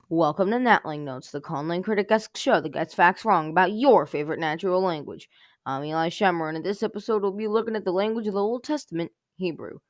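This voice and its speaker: A woman's voice: on the low side, dry recording, clean studio sound. A woman hosting a casual language review show, rambling and peppering her talk with "like". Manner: rambling, heavy use of filler "like". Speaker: host.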